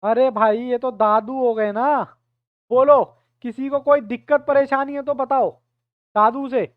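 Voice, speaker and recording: A man's voice: very high-pitched, steady tone, a little slow, dry recording. A male teacher giving an online reasoning class, explaining step by step and keeping at his students to answer. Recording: tinny phone-like dry sound.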